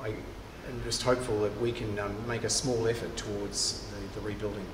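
A man, a cathedral's director of music, answering interview questions thoughtfully with many pauses and restarts. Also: fairly low pitch, little pitch movement. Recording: echoey cathedral with long reverb and clear background noise.

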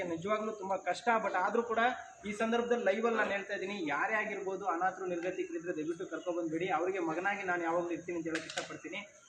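A man's voice: high voice, roomy sound, noisy background. A man running a shelter, making an earnest live video appeal and repeating his requests. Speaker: shelter founder.

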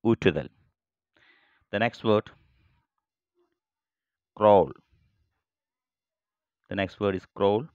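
A man teaching English vocabulary, saying each phrase slowly and then repeating it in translation. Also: on the low side, smooth, no room sound, lo-fi sound. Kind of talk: bilingual vocabulary lesson.

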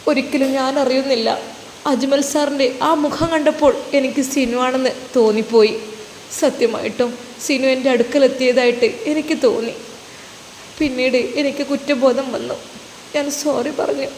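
A woman's voice: high voice, steady tone, normal speed, darkish tone. A woman voicing an emotional young wife who speaks earnestly and devoutly. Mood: heartfelt. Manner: heartfelt, pleading. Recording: reverberant room with faint noise.

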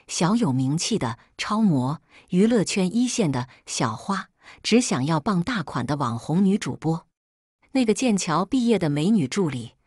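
A woman telling a first-person story in calm, steady scripted narration. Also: fairly low pitch, husky, no room sound, clean studio sound.

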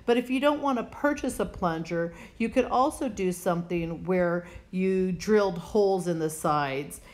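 Her voice is fairly low and darkish in tone as she hosts a preparedness vlog for a prepping channel. Speaking plainly and straight to the viewer, she keeps things casual while giving instruction.

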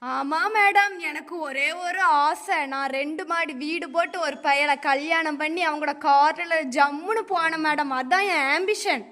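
A woman's voice: high-pitched, a little slow, a bit bright, in a large hall. A woman playing a stubborn, withdrawn teenage daughter who answers in blunt, pouting, childish retorts. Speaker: daughter at counseling. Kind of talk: amateur comedy stage acting.

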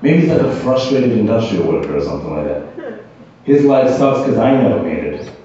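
A man doing a musing, deadpan observational stand-up set as the guest at a bar open mic. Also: lowish voice, a little fast, a little hiss or hum. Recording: distant echoey dull bar recording.

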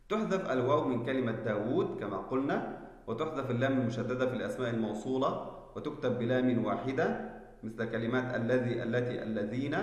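A male teacher giving a spelling lesson, explaining slowly and deliberately and checking that students follow. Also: medium pitch, lo-fi sound. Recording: echoey room with long reverb.

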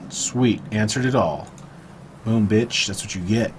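Low-voiced dude cracking crude jokes over a game, bit of background hiss. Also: male voice, a little slow. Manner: crude, joking, sarcastic. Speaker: video game player. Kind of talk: let's play commentary.

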